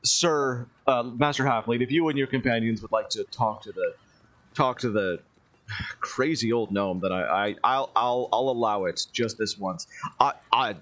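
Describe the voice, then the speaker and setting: A man's voice: mid-range voice, moderate pace, fairly bright tone, natural voice. A man playing a flustered guard captain. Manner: hesitant, stammering, apologetic.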